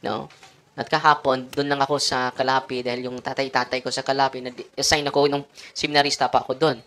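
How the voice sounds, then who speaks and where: A Filipino-accented priest delivers an informal sermon to his followers in a mid-range, fairly bright voice that stays fairly flat in pitch and moves fairly quickly. He switches between Tagalog and English mid-sentence, ends phrases with a questioning "no?", and slips short chuckles between points.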